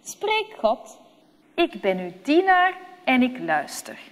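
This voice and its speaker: A sleepy old priest from a children's storybook speaks gently, his lines rising and falling in a lively way, as a woman narrator puts him on. The voice sits fairly high. A long hall reverb trails each word. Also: slow pace, full character voice. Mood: earnest. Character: old male priest, sleepy then earnest.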